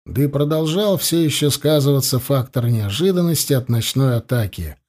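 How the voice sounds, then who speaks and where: A man reading a novel aloud as an audiobook narrator, in steady storytelling and voicing the sound effects himself. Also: medium pitch, normal speed. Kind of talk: scripted narration of a war novel.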